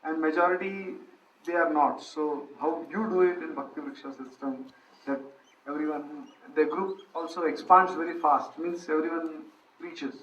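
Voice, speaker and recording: A man's voice: a little high, moderate pace, a bit bright, muffled recording, slight background noise. A man hesitantly asks a question during a seminar, searching for his words. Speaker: seminar participant. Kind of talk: asking a question. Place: seminar hall. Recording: echoey room from far off.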